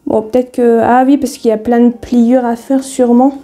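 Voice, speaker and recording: Female vlogger, very warm and dark tone, chatty and meandering, laughs at herself. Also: on the high side, level tone, normal speed, faint music behind. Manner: rambling and chatty, many hesitations; self-deprecating, easily laughing. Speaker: sewing vlogger. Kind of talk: casual haul video chat.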